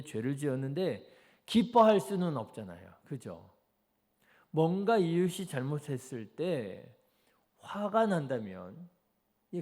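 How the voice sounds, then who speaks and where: A man delivers a dawn service sermon as pastor in a church, his voice mellow and somewhat high. He keeps asking the congregation rhetorical questions. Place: church sanctuary.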